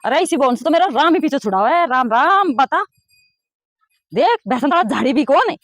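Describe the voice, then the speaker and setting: Scolding Rajasthani woman, quick and high. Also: expressive, no room sound. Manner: scolding, complaining loudly. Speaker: mother-in-law character. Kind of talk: village comedy sketch.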